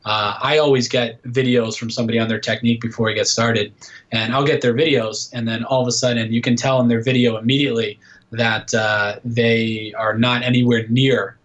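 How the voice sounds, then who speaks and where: A man's voice: medium pitch, flat delivery, a little fast, a bit bright. Muffled-sounding man in his thirties, explaining. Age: 30s. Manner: explanatory, lots of "uh" and "um". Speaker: guest strength coach. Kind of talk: casual podcast interview.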